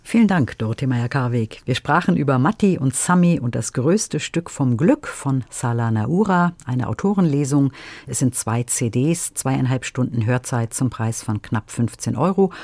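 A man's voice: mid-range voice, expressive, normal speed, darkish tone, no echo. A man hosting a radio book program, asking questions and announcing the details. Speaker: radio host.

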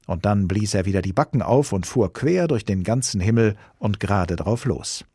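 A man's voice: lowish voice, normal speed, husky, no echo, clean studio sound. A man reading a fairy tale aloud expressively, voicing the characters. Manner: lively, voices the characters. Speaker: storyteller.

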